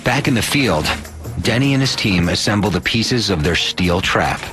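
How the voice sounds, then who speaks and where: A man's voice: lowish voice, animated, normal speed, music in the background. A man reading scripted nature documentary narration with dramatic, suspenseful phrasing.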